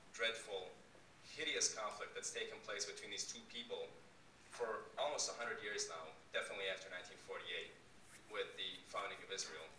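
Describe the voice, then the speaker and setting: A man's voice: lowish voice, sharp tone, slight background noise. A man from the United States making earnest, emphatic remarks to a speaker at a conference. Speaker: audience member addressing a conference speaker. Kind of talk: impassioned public remarks at a conference. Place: conference hall. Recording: echoey hall, voice from far off.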